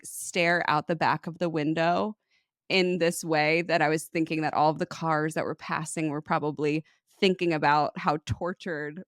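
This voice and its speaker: Low-voiced woman telling stories, laughing. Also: dry recording, studio quality. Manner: animated storyteller, laughs often. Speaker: podcast co-host. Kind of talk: casual conversation.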